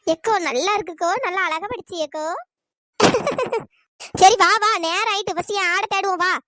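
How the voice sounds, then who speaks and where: A woman voicing bossy, bickering village women in a cartoon, with a pitch-raised voice. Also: moderate pace, heavy background noise. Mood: bickering chat. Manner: scolding, bickering, teasing. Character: bossy gossiping village women, scolding and sharp-tongued. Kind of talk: cartoon voice acting.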